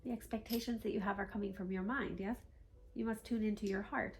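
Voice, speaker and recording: Spirit guide played by a woman, seance medium delivery: formal, instructive, measured authority, questioning tags, slight background noise. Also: medium pitch, steady tone, close to an everyday voice. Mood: calm, instructive. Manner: formal stilted phrasing, often ending statements with "yes?". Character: calm, authoritative male spirit guide teaching human seekers. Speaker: trance channeler.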